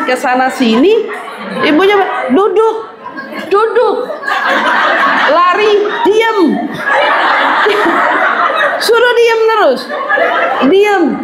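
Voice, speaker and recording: A woman preacher giving a parenting lecture in a mosque, acting out mothers' lines and laughing often. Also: very high-pitched. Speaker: Islamic preacher. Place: mosque hall with audience. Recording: echoey hall, audience noise.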